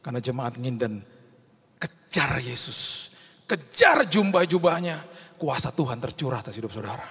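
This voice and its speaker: Male pastor preaching, gravelly husky voice, gets really fired up, big hall echo. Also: mid-range voice, expressive, normal speed. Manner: impassioned, rising to near-shouted cries; mixes English phrases into his preaching. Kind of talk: sermon. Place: church hall. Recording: long reverb of a large hall.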